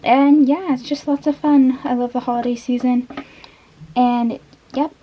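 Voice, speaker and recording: A woman's voice: high voice, steady tone, measured pace, dull audio, a little hiss or hum. A young woman with a stuffy nose from allergies, chatting casually and rambling off-topic while she shows a craft step by step. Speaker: craft vlogger. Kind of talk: casual crafting tutorial chat.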